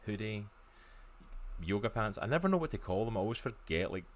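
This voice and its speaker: A man's voice: lowish voice, very animated, a little fast. A Scottish man with a Glaswegian accent, in his thirties, co-hosting a casual podcast from home over a video call, chatty and enthusiastic with lots of fillers. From Scotland, near Glasgow. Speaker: podcast co-host. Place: home room.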